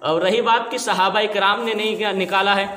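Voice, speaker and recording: A man's voice: high voice, fairly even intonation, sharp tone. A man preaching an emphatic, argumentative religious lecture. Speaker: Islamic preacher. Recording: echoey room with long reverb.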